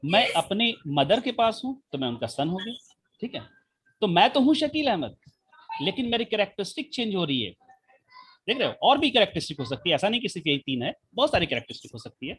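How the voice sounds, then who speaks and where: A man teaching a physics class online, explaining slowly with many repetitions and rhetorical questions, speaking with the mic held right at his mouth. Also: high voice, sing-song, a bit bright, breathy edge. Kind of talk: live online class lecture.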